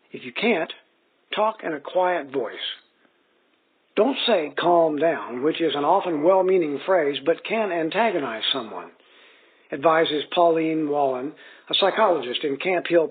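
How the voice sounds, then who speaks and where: A man reading magazine articles aloud in a steady, even scripted narration. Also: on the high side, slightly rough. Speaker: article reader. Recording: tinny phone-like sound.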